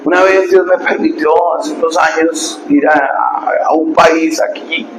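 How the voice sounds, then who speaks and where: A man pastor, preaching a sermon and telling stories, dropping to hushed asides and rising to loud preaching. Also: on the high side, fairly even intonation, measured pace. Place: church hall. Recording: echoey hall with background noise.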